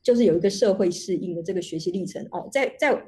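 Mellow husky woman. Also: on the low side, fast talker. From Taiwan. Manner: long reflective explanations with many restarts. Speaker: guest speaker, researcher. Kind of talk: online panel talk. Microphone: video call.

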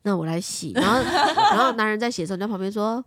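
A woman's voice: mid-range voice, sing-song, fast, fairly bright tone, husky, no echo, clean studio sound. A woman, hosting a casual chat and telling stories brashly, swearing freely and acting out what others said. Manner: brash storyteller, swears freely, acts out quotes. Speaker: host.

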